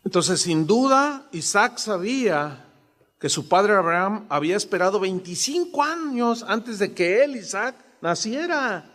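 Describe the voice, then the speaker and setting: Mexican pastor preaching in an echoing hall. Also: male voice, high-pitched, big pitch swings, unhurried, fairly bright tone. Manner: conversational preaching with rhetorical questions. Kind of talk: sermon. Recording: long hall reverb.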